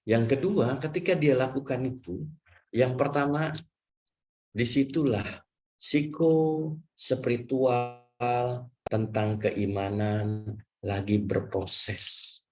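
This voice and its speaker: Speaking slowly and steadily in a mid-range voice, with frequent pauses, a lecturer on prophetic medicine talks conversationally about religious health. He often uses tag questions and performs a patient's prayers as part of the lesson.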